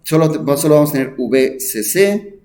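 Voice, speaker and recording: A man gives a math lesson in a classroom. His voice sits a little high, and he thinks aloud at the board. He keeps asking the students questions and pauses on "este". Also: lively intonation, mellow. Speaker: math teacher. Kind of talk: classroom lecture.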